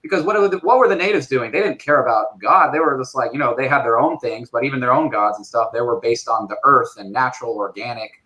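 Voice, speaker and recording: A man talking as an interview guest on a casual panel show, animated and full of fillers, often mimicking other voices. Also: mid-range voice, quick pace, hardly any pauses, poor audio.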